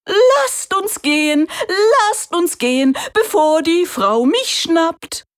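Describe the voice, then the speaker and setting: A woman voicing an excitable male rooster in a storybook reading, with a shrill, crowing voice and an overexcited, dramatic way of talking. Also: unhurried. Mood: singing.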